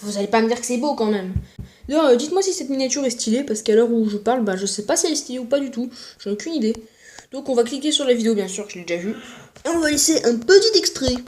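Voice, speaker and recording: A woman's voice: fairly high pitch, expressive, racing, a little mellow. A young woman YouTuber giving casual, mocking commentary on other channels, joking and plugging her own videos. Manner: mocking, jokey, self-promoting.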